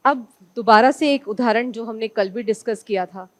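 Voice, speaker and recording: A woman's voice: on the high side, moderate pace, no room sound. A woman from India teaching an online exam-prep class, asking her students questions and answering them herself.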